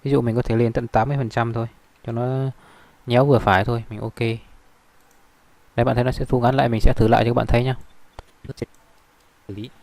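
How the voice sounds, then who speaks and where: A man giving a screen-recorded software tutorial, rambling with many fillers and restarts. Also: mid-range voice, level tone, quick pace, vocal fry, pauses often.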